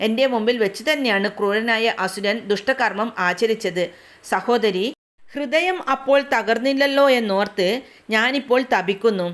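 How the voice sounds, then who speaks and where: A woman's voice: on the high side, moderate pace, close to an everyday voice. A woman reading the part of a demon disguised as a grieving young woman, who speaks in a mournful, heavy way.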